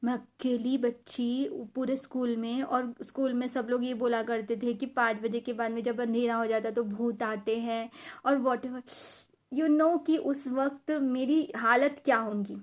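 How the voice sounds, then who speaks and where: A woman's voice: fairly high pitch, steady tone, measured pace. A young woman casually and emotionally telling a story from her childhood, repeating phrases for emphasis and slipping in English words.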